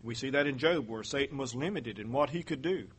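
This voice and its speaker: Male preacher, husky voice, measured Bible teaching with rhetorical questions. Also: mid-range voice, fairly bright tone.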